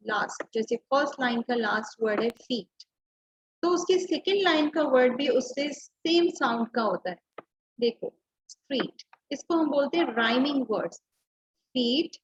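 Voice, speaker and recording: A woman teacher with an Indian accent, giving an online class and slowly drilling pronunciation with her pupils. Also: on the high side, slightly rough. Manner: slow, explains in mixed Hindi and English, drills pronunciation. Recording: dull lo-fi online class audio.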